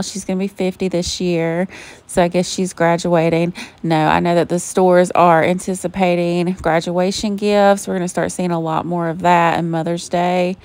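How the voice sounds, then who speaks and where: Strolling through a store with her phone in hand, this Savannah, Georgia woman gushes away in a chatty shop-with-me vlog, addressing everyone as "y'all." Her voice sits on the low side and sounds a little mellow.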